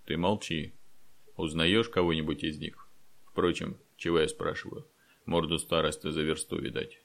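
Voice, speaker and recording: A man doing a gruff, sardonic old soldier. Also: very deep voice, fairly even intonation, moderate pace, fairly bright tone, heavily acted. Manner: gruff, mocking.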